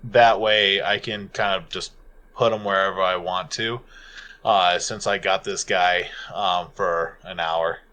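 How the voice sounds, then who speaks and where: Man player, slow hesitant casual talk. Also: sits low, steady tone, sharp tone. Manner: hesitant, laughs between lines. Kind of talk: casual chat.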